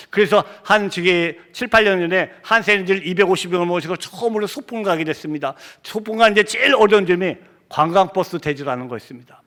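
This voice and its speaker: A middle-aged man preaching a sermon in a church, impassioned and building toward near shouts as he tells of his mission work. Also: sits high. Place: church sanctuary.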